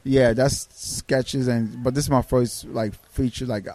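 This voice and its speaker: A man's voice: medium pitch, measured pace, no room sound. A man from Brooklyn with a New York accent, chatting as a guest comedian on a podcast and restarting his sentences often. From Brooklyn, United States. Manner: animated, stumbling restarts. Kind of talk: casual podcast chat.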